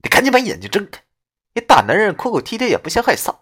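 A man voicing a female ghost who talks coldly and scolds quickly. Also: high voice, huge pitch swings, a bit bright, slightly rough, voice pushed up, exaggerated voice. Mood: exasperated. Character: cold, exasperated female ghost.

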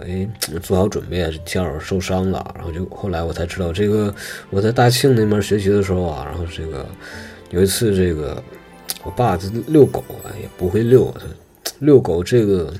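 A man's voice: sits low, dark tone. A man casually telling a personal story, hesitant and rambling, with many filler words.

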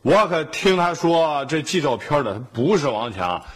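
A man's voice: fairly high pitch, sing-song, normal speed, breathy edge. An actor playing a dry-witted middle-aged father who trades wisecracks, in a sitcom. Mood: wry. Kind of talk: sitcom acting.

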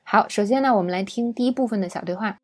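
A woman gives a spoken English lesson with patience, pulling each word apart syllable by syllable. Her voice sits at a middle pitch, and she keeps drawing in her listeners with small questions as she moves along. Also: fast talker, a little mellow. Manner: patient, explains pronunciation syllable by syllable; often checks in with a tag question. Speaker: English teacher.

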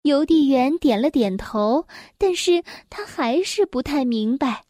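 A woman reading a children's story aloud in a gentle, expressive storytelling voice. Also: high-pitched, unhurried, dry recording, studio quality.

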